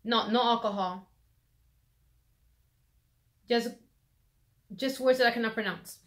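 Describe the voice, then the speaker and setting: A woman's voice: on the high side, slow. A woman vlogger chatting casually through her hair routine, full of fillers, recorded on a phone camera. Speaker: beauty vlogger.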